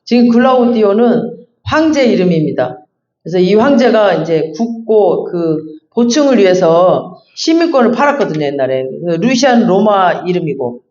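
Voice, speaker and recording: A man with a high-pitched voice preaches an expository sermon. He reads each verse, then explains it in a casual, emphatic way. The sound is dull and echoes around a church hall. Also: sing-song, normal speed, darkish tone. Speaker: pastor. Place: church sanctuary.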